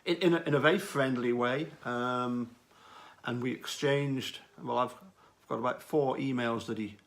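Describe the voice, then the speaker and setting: A man offers unscripted commentary on a true-crime case, speaking haltingly and deliberately with frequent pauses and repeated words. His pitch is medium and his tone steady.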